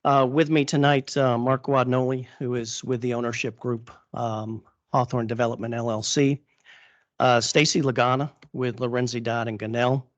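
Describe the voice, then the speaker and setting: Guy w a worn-out voice pitching to a council, lots of ums, dry close sound. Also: little pitch movement, no room sound, highs cut off. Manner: halting, many fillers and restarts. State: losing his voice. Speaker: attorney for a land applicant. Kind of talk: formal presentation at a public meeting. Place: council chamber.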